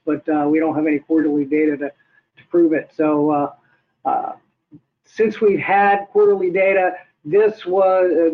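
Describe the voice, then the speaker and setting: Older man on a tinny phone line. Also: fairly high pitch. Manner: measured, explanatory, with many fillers. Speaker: guest economist. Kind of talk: interview answers.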